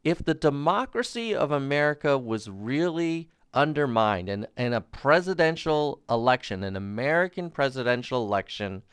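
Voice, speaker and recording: A man's voice: medium pitch, very animated, moderate pace, hardly any pauses, clean tone, no room sound, studio quality. A man giving live-stream political commentary, reading documents aloud in an emphatic, sarcastic, incredulous debunking manner, repeating key phrases.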